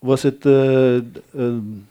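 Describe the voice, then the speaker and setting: A man's voice: mid-range voice, steady tone, slow pace, clean tone, lo-fi sound. A man interviewing an author, asking hesitant questions and adding frequent short agreements.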